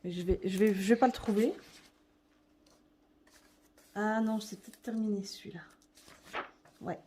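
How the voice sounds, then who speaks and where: A woman's voice: mid-range voice, steady tone, unhurried, dark tone, slightly rough. A young woman vlogger chatting casually and a bit hesitantly as she shows her coloring books, with many fillers.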